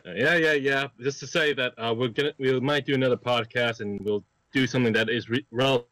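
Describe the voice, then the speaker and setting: Bright, teasing man on a podcast. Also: medium pitch, steady tone, fast talker, no echo, rough recording. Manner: teasing, repeats himself, laughs often. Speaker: podcast co-host. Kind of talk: casual chat on a live stream.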